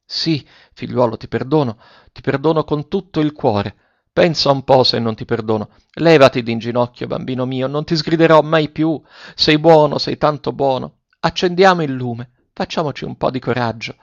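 A man's voice: medium pitch, normal speed, vocal fry, no echo, close to an everyday voice. Trembling old grandmother, tender and desperate, a man reading her; dull dry audio. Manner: trembling, pleading.

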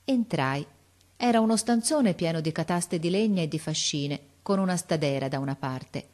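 A woman reading a story aloud in a calm, measured storytelling manner. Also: low-pitched. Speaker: narrator. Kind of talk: scripted narration.

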